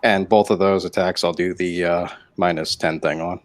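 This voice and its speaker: A man playing in a tabletop game, talking haltingly with many fillers. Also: sits low, steady tone. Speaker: player. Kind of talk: casual game talk.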